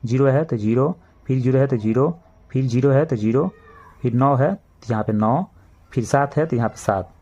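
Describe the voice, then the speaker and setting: A man with a Bihari Hindi accent teaching a maths lesson to children, explaining each step slowly and repeating himself. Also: mid-range voice, mellow, highs cut off. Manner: slow, repetitive step-by-step explaining, addresses children.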